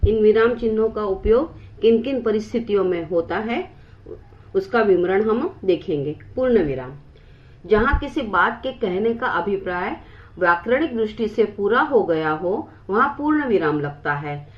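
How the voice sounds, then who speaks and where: Measured woman teaching a grammar lesson. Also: medium pitch, lively intonation, highs cut off.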